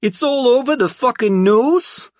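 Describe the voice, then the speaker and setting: A man reading an audiobook voices a brash, sneering mob lawyer in a loud, high-pitched, dismissive tone. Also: expressive, measured pace, no echo, studio quality. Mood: contemptuous.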